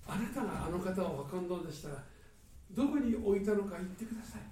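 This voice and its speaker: A man's voice: sits high, expressive, fast talker, mellow, very echoey, distant mic, a little hiss or hum. A man voicing a grieving, devoted woman disciple who pleads fervently. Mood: pleading.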